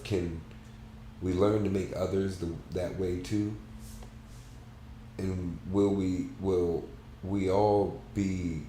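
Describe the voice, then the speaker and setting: A man hosting a book club, reading a book aloud in a soft, halting, measured way. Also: low voice. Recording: roomy echo, faint background hum.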